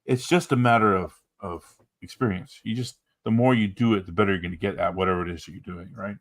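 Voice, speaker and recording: A man's voice: fairly low pitch, steady tone, fast talker, dry recording. A man co-hosting a casual art stream, talking about coloring with dry sarcastic humor on a desk microphone. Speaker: co-host and colorist.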